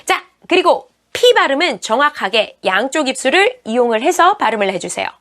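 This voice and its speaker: A Korean woman teaching English pronunciation, asking learners questions and saying each English word slowly twice. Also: high voice, sing-song, pushed and bright. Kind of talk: online pronunciation lesson.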